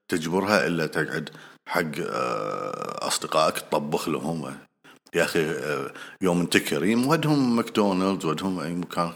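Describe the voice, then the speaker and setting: A man's voice: deep voice, fairly bright tone. Earnest Gulf Arabic man giving advice. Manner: earnest and repetitive, addresses listener directly; frequent hesitations and fillers. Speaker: speaker giving marriage advice. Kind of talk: casual advice monologue.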